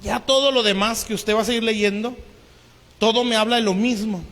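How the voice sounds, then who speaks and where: High-voiced pastor preaching in a hall. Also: male voice, steady tone, moderate pace, a bit bright. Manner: keeps asking the congregation "¿sí?". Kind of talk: sermon. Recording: long hall reverb.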